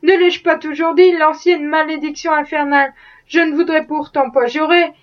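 A woman's voice: high-pitched, steady tone, moderate pace, muffled recording, natural voice. A woman voicing a kindly, fretful old male factory owner with flustered, fatherly concern.

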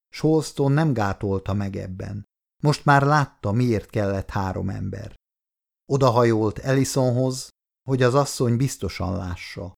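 A man reading an audiobook in a calm, measured way. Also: fairly low pitch, vocal fry. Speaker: audiobook narrator. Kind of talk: scripted audiobook narration.

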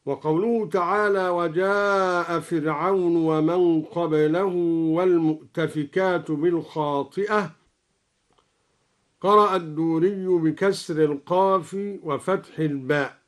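A man explaining variant readings of scripture in a measured way, chanting each quoted verse in turn. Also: fairly high pitch, fairly even intonation. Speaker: Quran recitation scholar.

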